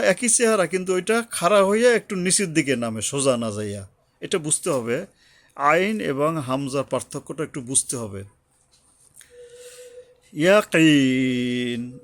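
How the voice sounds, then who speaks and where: This slow tajweed lesson, explained in Bengali, features a man with a mid-range voice who patiently covers letters and pronunciation. He restates his points and sometimes breaks into chanted recitation; the recording is dry.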